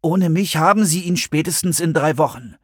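A man's voice: on the high side, moderate pace, dry recording, studio quality, pitched above the performer's own voice, close to an everyday voice. A man voicing a worried teenage boy who speaks urgently and persuasively. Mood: pleading.

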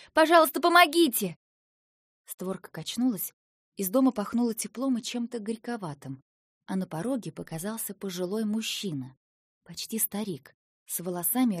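A woman reads a first-person story aloud in an expressive storytelling manner. Her voice sits at a middle pitch for a woman. The recording is dry and close, with no room sound. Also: slightly rough, dry recording. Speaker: audiobook reader. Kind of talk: scripted first-person narration.

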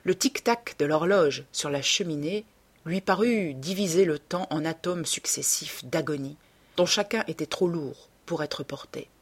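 A woman narrating a classic novel in a measured, even storytelling manner. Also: low voice, breathy edge. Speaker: audiobook narrator. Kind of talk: scripted literary narration.

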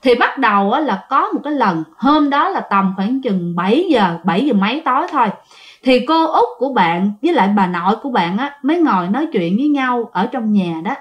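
Lively woman storyteller. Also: fairly high pitch, a little fast, highs cut off. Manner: chatty, addresses listeners directly. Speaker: ghost story narrator. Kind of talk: storytelling of listener-sent ghost tales.

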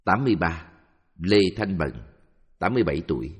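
Deep, solemn man reading over music. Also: animated, a little fast. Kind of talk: scripted narration of a Buddhist testimony. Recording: reverberant room with faint background music.

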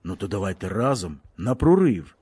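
A man voicing a wounded male soldier who speaks calmly and wryly, in a low, feverish voice. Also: moderate pace, breathy edge. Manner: calm, low, wry. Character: wounded calm male soldier, weary and ironic.

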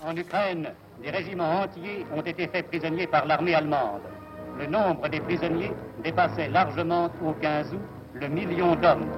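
A man's voice: a little high, normal speed. A man narrating an old wartime newsreel in a formal, emphatic declaiming manner. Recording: dull lo-fi archive film sound with loud music. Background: loud music.

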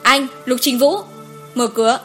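A woman voicing a calm, patient young husband in an audiobook story. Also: sits high, measured pace, faint music behind. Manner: calm, gentle.

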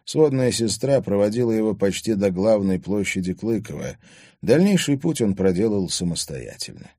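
A man narrating an audiobook in an expressive storytelling manner. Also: fairly low pitch, moderate pace, slightly rough, no room sound, studio quality. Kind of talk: scripted narration.

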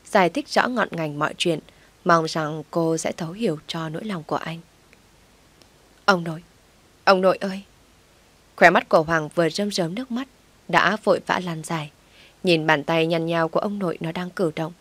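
A woman narrating a dramatic audio story in a steady, measured way. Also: on the low side, no room sound.

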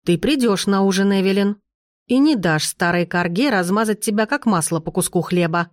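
A woman voicing an elderly duchess grandmother, imperious and sharp-tongued, who talks in slow, commanding, clipped phrases. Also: mid-range voice, no echo, studio quality, close to an everyday voice.

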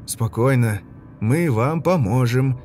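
A man doing a calm, reassuring field medic. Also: mid-range voice, fairly quick, faint music behind, pitched above the performer's own voice, natural voice. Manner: steady, reassuring.

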